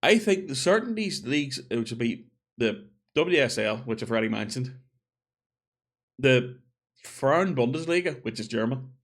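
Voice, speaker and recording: A man's voice: mid-range voice, lively intonation, normal speed, pauses often. A man giving a casual opinion monologue, chatty and thinking aloud as he corrects himself. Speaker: gaming video creator.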